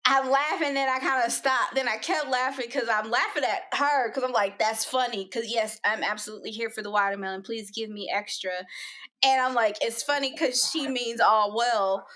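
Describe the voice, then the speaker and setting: A young woman co-hosting a casual podcast with her dad, telling stories in an animated way and laughing often. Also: fairly high pitch, normal speed. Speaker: podcast co-host. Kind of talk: casual chat.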